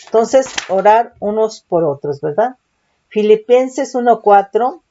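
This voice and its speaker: Female Bible teacher, mellow tone, dull recording, reads and explains verses. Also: medium pitch, lively intonation, slow pace, a little hiss or hum. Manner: reads scripture, adds frequent "¿verdad?" checks.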